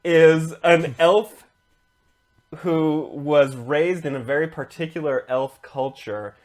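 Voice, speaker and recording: A man's voice: on the high side, slow pace. A man co-hosting a casual discussion, building a tabletop game character and explaining it in long flowing stretches. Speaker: co-host.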